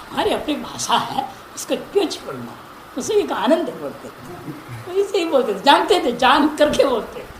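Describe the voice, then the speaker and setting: A man teaching Sanskrit grammar in a classroom lesson, chanting word forms slowly and correcting pronunciation with repeated examples. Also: very high voice, wildly swooping pitch. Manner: recites word forms in slow drawn-out chants. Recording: echoey room with faint noise.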